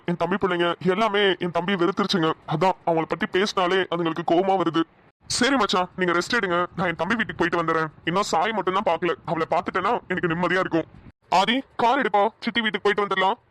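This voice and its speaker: A woman voicing a kindly older man who is a family elder in a cartoon, speaking gently. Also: on the low side, fast talker, natural voice. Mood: calm. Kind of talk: cartoon voice acting.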